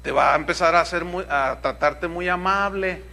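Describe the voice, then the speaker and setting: A man's voice: high voice, moderate pace, creaky, bright, forceful tone. A man, preaching a sermon in a conversational, humorous way and asking the crowd rhetorical questions. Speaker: pastor.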